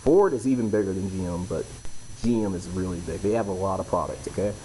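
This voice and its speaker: Blunt low-voiced man explaining cars. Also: fast talker, warm tone, a little hiss or hum, poor audio. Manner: loose and blunt, many fillers and "okay?" tags. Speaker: YouTube host. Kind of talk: casual explainer talk.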